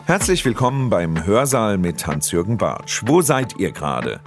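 A man hosting a radio lecture program, presenting in a scripted, lively way and speaking directly to listeners. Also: fairly low pitch, normal speed, faint music behind. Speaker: radio show host. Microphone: studio microphone. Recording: dry studio sound.

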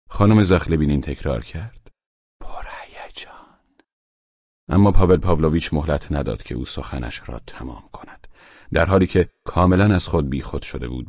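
A man with a husky voice narrating a novel as an audiobook, in a measured, steady storytelling manner. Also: extremely low pitch, dry recording. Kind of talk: scripted literary narration. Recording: dry, dull lo-fi recording.

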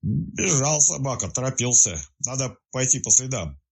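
A man's voice: medium pitch, lively intonation, normal speed, creaky, breathy edge, pitched above the performer's own voice. Man doing a breathless, blurting detective. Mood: excited. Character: excitable male police detective, out of breath.

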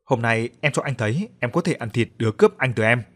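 A man's voice: medium pitch, lively intonation, quick pace, fairly bright tone. A man doing a cruel jealous woman villain. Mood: menacing. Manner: sneering, menacing.

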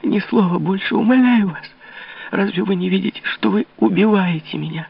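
Male narrator doing a pleading young woman, high, trembling, whispery, muffled recording. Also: quick pace, gravelly, husky, distant mic, exaggerated voice. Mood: desperate. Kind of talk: audiobook character voice. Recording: dull lo-fi recording.

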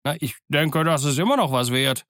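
A man's voice: mid-range voice, moderate pace, fairly bright tone, clear, resonant tone, no echo, clean studio sound, natural voice. A man voicing a grumbling male pirate crewman who sounds sulky and defensive.

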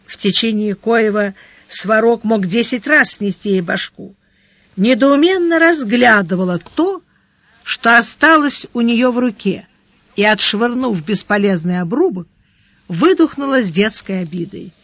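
A narrator reading a fantasy novel aloud in a slow, steady, measured way. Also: medium pitch, no echo. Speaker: audiobook narrator. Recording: dull lo-fi dry recording.

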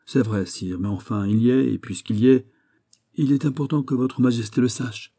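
A man reading an audiobook, voicing a grave, loyal musketeer captain who answers calmly and firmly. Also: mid-range voice, normal speed, lightly acted. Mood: steady. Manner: calm, firm, quietly defiant.

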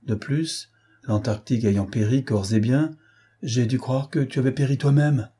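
A man's voice: mid-range voice, steady tone, moderate pace, mellow, breathy edge, natural voice. Man reading as a scolding, loving young woman. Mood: reproachful.

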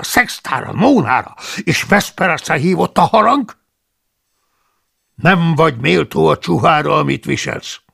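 A man's voice: mid-range voice, gravelly, slightly rough, full character voice. A man voicing a stern, indignant older male abbot who scolds and blusters, in an audiobook reading. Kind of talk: audiobook character voice.

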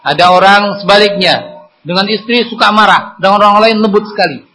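A male preacher delivers a Friday sermon in a mosque. His voice is bright and slightly high, and his talk is lively and conversational. He often leaps up in pitch for emphasis and poses rhetorical questions. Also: brisk, slight background noise, low-quality recording.

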